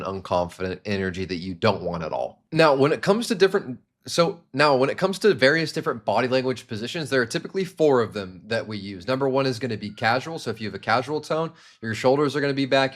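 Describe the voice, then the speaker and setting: A young man in his twenties teaching sales to camera, energetic and demonstrating different tones with hand gestures. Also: on the low side. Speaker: sales trainer. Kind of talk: instructional talk to camera.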